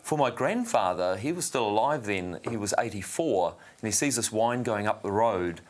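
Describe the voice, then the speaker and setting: A man with a New Zealand accent, an interview guest explaining and storytelling conversationally in halting, unhurried short phrases. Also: on the low side, lively intonation. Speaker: winery general manager, interview guest.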